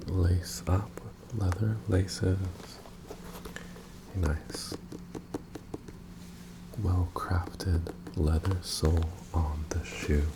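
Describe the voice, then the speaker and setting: A man in a whispered ASMR role-play as an attentive, courteous tailor, breathy and softly presenting his wares to a customer. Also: sits low, very noisy.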